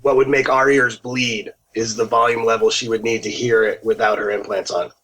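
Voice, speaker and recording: A man's voice: mid-range voice, little pitch movement, normal speed, fairly bright tone, slight background noise, rough recording. A man on a podcast, the guest's father, explaining things about her with light humor. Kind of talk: casual chat.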